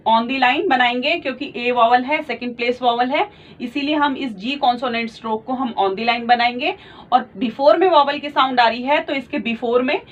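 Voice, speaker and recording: Woman teaching shorthand, slow patient explaining, bit high, muffled recording. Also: a bit bright. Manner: slow, patient, repeats each point, mixes English terms into Hindi. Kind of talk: explaining lesson at a board. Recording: muffled lo-fi audio.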